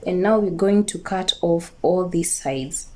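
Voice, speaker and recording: Slow-talking Kikuyu Kenyan woman, noisy kitchen. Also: on the low side. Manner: repeats words and checks in with viewers; mixes Swahili words into English. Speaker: home cook presenting a recipe video. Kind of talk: casual cooking tutorial. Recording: clearly noisy home recording, kitchen clatter.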